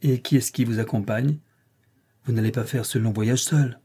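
Male narrator doing wealthy teasing gentleman, audiobook, mellow raspy tone. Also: medium pitch, steady tone, normal speed. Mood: brusque. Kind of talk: audiobook reading.

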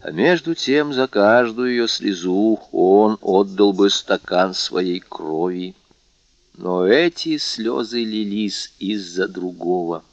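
Low-voiced male audiobook reader. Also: slow pace, dry recording. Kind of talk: audiobook narration. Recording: dull, dry audiobook recording.

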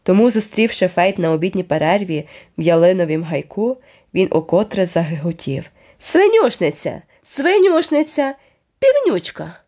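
A woman narrating a children's novel aloud in a measured, expressive storytelling manner. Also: fairly low pitch. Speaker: audiobook narrator. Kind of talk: scripted narration.

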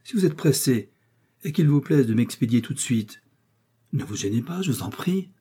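Guy doing a young gascon swordsman, earnest and polite, dark husky voice pushed up a bit. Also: medium pitch, animated, normal speed. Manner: earnest, courteous.

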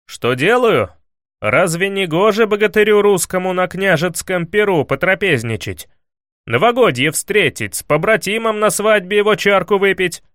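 A man voicing a boisterous young hero who declaims high and loud. He blusters with pompous pride, and every line comes out as a bold proclamation. A lively storybook voice, dry and close. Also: moderate pace, dry recording. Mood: indignant. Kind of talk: audiobook character voice.

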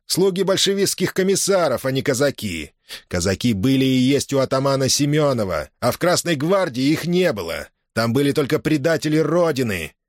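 A man doing a raging shouting general. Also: fairly high pitch, no echo, studio quality, pitched above the performer's own voice, close to an everyday voice. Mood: enraged. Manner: harsh, barking, furious interrogation.

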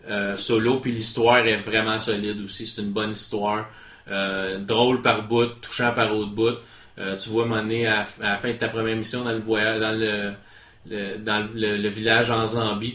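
A man's voice: fairly low pitch, pushed and bright, reverberant. A man with a Quebec French accent, hosting a casual podcast and chattily reviewing a video game.

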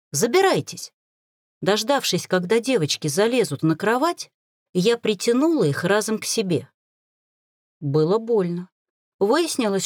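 Female audiobook narrator, animated first-person storytelling, dry booth sound. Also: medium pitch, dry recording. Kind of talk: first-person novel reading.

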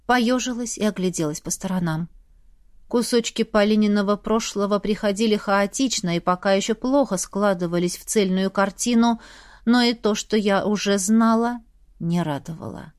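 A woman narrating a first-person audiobook in a steady storytelling manner. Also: medium pitch, moderate pace, no echo, studio quality.

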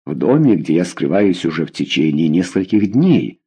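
A man's voice: low-pitched, sing-song, moderate pace, mellow, breathy edge, voice pushed down, exaggerated voice. A man voicing a passionate, lovesick young duke in an audiobook, speaking fervently and pleading.

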